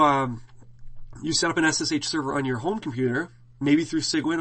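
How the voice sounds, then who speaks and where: A man's voice: medium pitch, a bit bright. Man lecturing a class with a scratchy throat. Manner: casual, rambling, frequent fillers and restarts. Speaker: college instructor.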